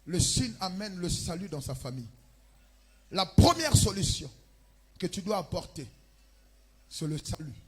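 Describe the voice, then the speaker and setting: Husky high-pitched Congolese preacher. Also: male voice, lively intonation, normal speed. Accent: Congolese French. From Republic of the Congo. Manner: preaching with loud emphatic bursts and chanted lines. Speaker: pastor. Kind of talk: sermon. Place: church.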